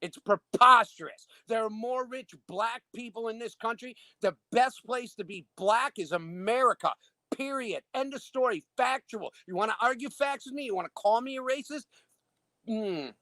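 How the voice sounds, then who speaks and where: A man's voice: very high voice, normal speed, sharp tone, no echo. A man who hosts his own show, talking in an emphatic, indignant way in a heated political discussion. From Illinois. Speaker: show host.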